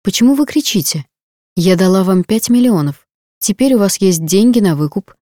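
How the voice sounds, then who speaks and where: A woman's voice: medium pitch, expressive, moderate pace, mellow, no echo, natural voice. Woman reading as a defiant young paramedic. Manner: pleading, defiant, close to tears.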